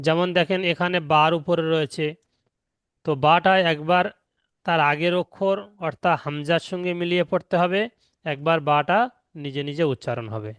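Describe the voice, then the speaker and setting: Patient male Quran teacher, clear high voice. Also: fairly bright tone, no room sound, studio quality. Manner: slow patient explanation, repeats each rule step by step. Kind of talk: online tajweed lesson.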